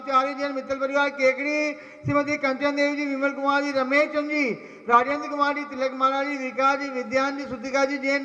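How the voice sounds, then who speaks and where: A man's voice: very high-pitched, bright, forceful tone. A man announcing at a temple ritual, rattling off a long list of donor names and blessings. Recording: echoey temple hall, dull lo-fi sound.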